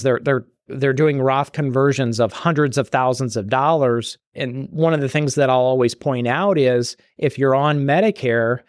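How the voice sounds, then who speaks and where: On a solo podcast tackling listener questions, a male retirement planner talks through retirement benefits in a conversational style, often restarting and adding asides. His voice is medium in pitch, and the recording is dry and clean, with studio sound.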